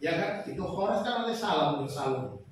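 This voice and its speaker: Male preacher, high-pitched and animated, distant mic in a big church hall with faint noise. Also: brisk. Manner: animated, shouting peaks, acts out quotes. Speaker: pastor. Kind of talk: sermon.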